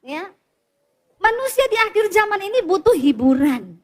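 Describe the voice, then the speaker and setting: A woman's voice: extremely high pitch, normal speed. A woman pastor preaching a sermon, telling stories and drawing in the congregation with questions. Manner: lively storytelling with congregation prompts.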